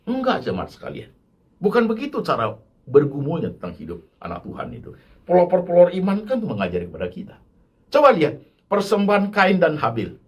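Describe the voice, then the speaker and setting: A man's voice: a little high, wildly swooping pitch, fairly quick, husky. A man preaching a sermon as pastor, acting out quoted voices and mixing in English words.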